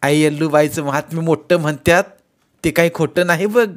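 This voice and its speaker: A man voicing an old village mother-in-law with a rural Marathi accent, scolding and doting in a high, loud voice. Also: a little fast, close to an everyday voice. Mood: fussing.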